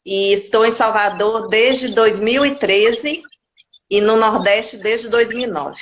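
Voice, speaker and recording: A woman's voice: fairly high pitch, fairly even intonation, slow pace, noisy background. A woman in her forties from Minas Gerais, a guest chatting candidly in an interview, often restarting her sentences. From Minas Gerais, Brazil. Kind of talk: casual interview chat.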